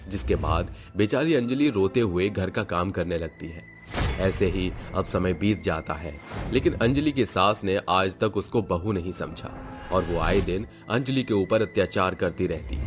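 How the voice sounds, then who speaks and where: A man narrating a moral fairy tale in a steady, expressive storytelling manner. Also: deep voice.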